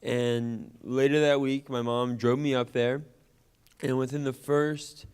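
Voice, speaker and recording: A young man from Louisiana, a guest actor, telling personal stories in an animated way and acting out childhood conversations. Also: mid-range voice, measured pace, clear, resonant tone. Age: young adult. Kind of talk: personal storytelling.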